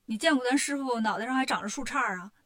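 A woman voicing a brash, impatient male monkey king who talks brisk and sharp in a storybook tale. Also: fairly high pitch.

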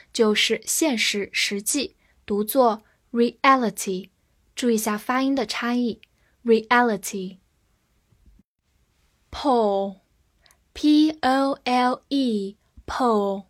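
Slow, careful woman teaching vocabulary. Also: on the high side. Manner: spells words letter by letter and reads example sentences slowly. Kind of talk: vocabulary lesson.

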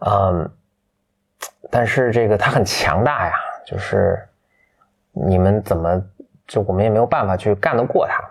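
A man's voice: lowish voice, lively intonation, moderate pace, long pauses. A man voicing a wise, kindly old woman in a storybook retelling, reflective and slightly resigned.

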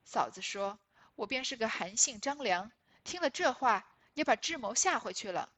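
Wang Xifeng, a woman reading a shrewd husky noblewoman. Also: on the high side, animated, moderate pace, fairly bright tone. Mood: aggrieved, scheming. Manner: theatrical, emphatic recitation of classical dialogue. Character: shrewd sharp-tongued young noblewoman, feigning hurt. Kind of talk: reading a classic novel aloud.

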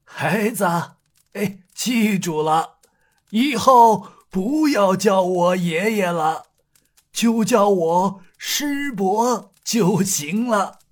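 A man's voice: sits high, animated, voice pushed up, exaggerated voice. A man doing a frail, kindly old grandfather. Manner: slow, soft, drawn-out elderly speech. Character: weak, kindly old man, gentle elder. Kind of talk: audiobook character voice.

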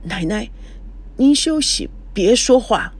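Reader doing young husband, stammers, awkward, husky-ish. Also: medium pitch, expressive, slow, voice pushed up, heavily acted.

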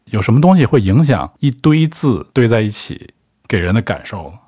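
A man's voice: on the low side, very animated, normal speed, mellow, husky, no room sound, clean studio sound. A man hosting a podcast, asking curious questions and telling anecdotes in a casual tone. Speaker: podcast host.

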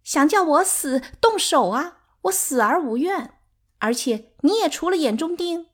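A woman's voice: sits high, expressive, unhurried, pitched above the performer's own voice. A woman voicing a hysterical, sobbing concubine who screams her lines in an audiobook. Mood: shrill furious.

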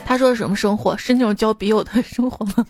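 A woman with a fairly high voice hosts a podcast, reading listener jokes in a chatty, teasing tone. Soft music plays faintly under her voice. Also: fairly even intonation, fast talker. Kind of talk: casual comedic reading.

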